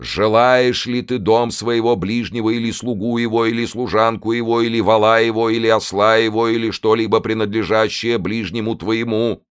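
A man's voice: lowish voice, steady tone, moderate pace, hardly any pauses, clear, resonant tone, lightly acted. A man reading an audiobook, voicing a fiery male evangelist preacher who leads a crowd in sweeping, preacherly tones. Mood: proclaiming. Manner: sweeping, preacherly, rising to shouts.

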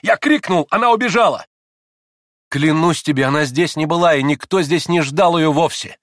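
A man voicing a violent, furious young man who shouts and vows vengeance, in an audiobook. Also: medium pitch, animated, moderate pace, no echo, clean studio sound. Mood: furious vehement. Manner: vehement, passionate shouting.

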